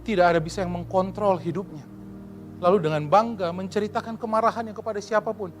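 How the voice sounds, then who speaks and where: Male pastor, high voice, lively questioning sermon, faint music behind. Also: fast. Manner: lively preaching, asks the congregation questions, mixes in English. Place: church.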